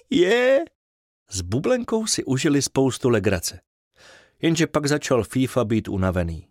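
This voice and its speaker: A man reading a children's bedtime story aloud in an expressive, sing-song way. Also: medium pitch, no room sound, studio quality.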